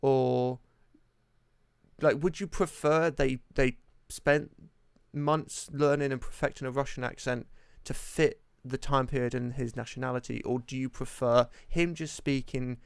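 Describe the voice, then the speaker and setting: A man's voice: medium pitch, steady tone, unhurried, gravelly, clear, resonant tone, no echo, clean studio sound. A man talking on a podcast, hesitant and full of restarts as he works out his example. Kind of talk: casual podcast discussion.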